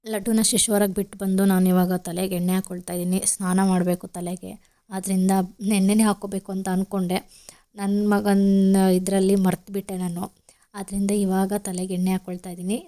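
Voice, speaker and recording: A woman's voice: medium pitch, dark tone. A young woman, a homemaker and vlogger, chatting casually at home and explaining her chores as she works. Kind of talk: casual vlog narration.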